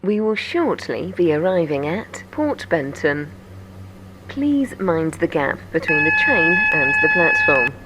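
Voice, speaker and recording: An automated train announcement voice, performed by a woman, formal and measured. Low in pitch, it rises and falls a great deal across each phrase. It moves at a slow, deliberate pace. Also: sing-song, background noise. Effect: train announcement system voice.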